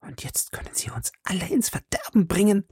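A man voicing an anxious young wife, raised high. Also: big pitch swings, brisk, mellow, breathy edge, no room sound, studio quality, full character voice. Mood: urgent whisper. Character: young woman, anxious reproachful shopkeeper's wife.

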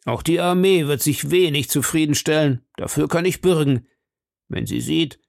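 Bold musketeer captain, defiant, raised pitch, gravelly, dry close sound, read by a man. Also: moderate pace, no echo. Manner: bold, insistent, raised declaiming voice. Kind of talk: audiobook character voice.

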